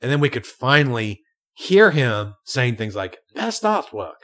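A man co-hosting a podcast, chatting casually and telling stories in an animated way with frequent restarts. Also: medium pitch, unhurried. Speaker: podcast co-host. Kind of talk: casual chat.

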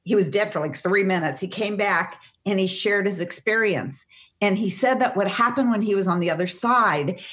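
Middle-aged woman telling a personal story, emotional, laughing through it, mid pitch. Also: normal speed, fairly bright tone. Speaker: guest, seminar teacher.

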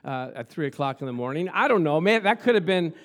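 A man's voice: fairly high pitch, expressive, quick pace. A man preaching a conversational motivational sermon, emphatic, with repeated phrases, rhetorical questions and humorous storytelling.

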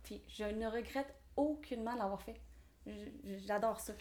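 Her voice sits a bit high and a little mellow. The interview guest, a twenty-something real estate developer with a Québécois French accent, talks quickly and motivationally with plenty of enthusiasm on a podcast.

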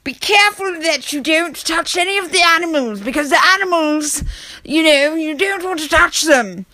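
A woman's voice: high voice, normal speed, pushed and bright, no room sound, pitched above the performer's own voice. A woman putting on a pompous male zookeeper with an odd, stagey accent, lecturing children.

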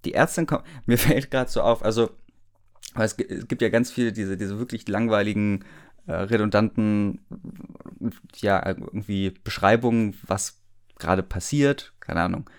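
A man's voice: fairly low pitch, moderate pace. Amused man mocking a story as he reads. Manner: amused, laughs often, breaks off to mock the text. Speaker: reader and commentator. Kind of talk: comedic reading of a story with commentary.

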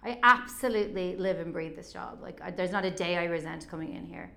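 A woman's voice: lowish voice, fairly quick, gravelly, pushed and bright. A woman who teaches children drama, chatting casually and enthusiastically as an interview guest. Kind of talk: casual chat.

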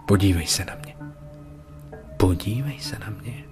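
A man voicing a calm, menacing male killer who speaks softly in hushed tones. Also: fairly low pitch, faint music behind, lightly acted.

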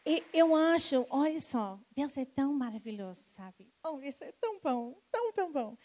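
In a high, darkish voice, a woman preacher gives a very animated healing testimony at a moderate pace. She tells her story as a sermon and then makes an altar call, urging people forward to pray with rising energy.

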